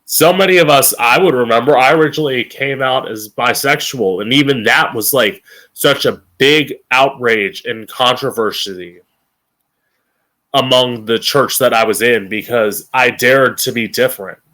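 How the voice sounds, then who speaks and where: A man's voice: medium pitch, moderate pace, pushed and bright, low-quality recording. A man with a campy drag queen manner hosting an informal opinion monologue, emphatic and opinionated, with plenty of swearing. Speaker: podcast host.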